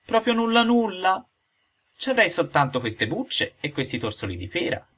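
A man voicing a patient, kindly old father who lectures gently in a storybook reading. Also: high-pitched, very animated, normal speed, breathy edge, voice pushed up, heavily acted.

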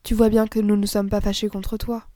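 A woman reading a gentle young girl. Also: medium pitch, little pitch movement, fairly quick, no echo, clean studio sound, lightly acted. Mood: consoling. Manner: soft, gently reproachful. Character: kind, gentle young girl, older sister figure.

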